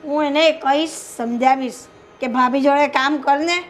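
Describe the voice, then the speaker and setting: A woman's voice: high voice, steady tone, moderate pace, slight background noise, natural voice. An actress playing a mild, weary mother-in-law who placates and defends herself, with a Gujarati accent. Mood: placating.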